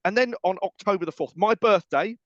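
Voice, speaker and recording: Man, English, radio host, quick and animated, joking, dry dull sound. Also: high voice, no echo. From England. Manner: jokey, teasing, rambling with restarts. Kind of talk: casual on-air interview chat.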